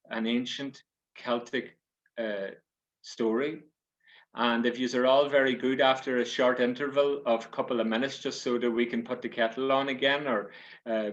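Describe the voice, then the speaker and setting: A man's voice: mid-range voice, highs cut off. Male Irish storyteller, Donegal accent, folksy and hesitant, addressing listeners directly. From South Donegal, Ireland. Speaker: storyteller and author.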